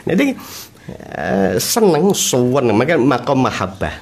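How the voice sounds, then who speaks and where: A man's voice: medium pitch, measured pace, gravelly, a little hiss or hum. A man, a cleric giving a humorous sermon lesson and acting out the voices in his stories. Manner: animated storytelling, acting out dialogue, frequent laughter from listeners. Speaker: Islamic cleric teaching a religious text. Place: religious study gathering.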